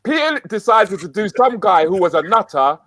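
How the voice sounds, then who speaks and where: A man's voice: high-pitched, sing-song, normal speed, fairly bright tone, no echo, studio quality. A male interview host chatting casually and teasing his guest, with frequent ums.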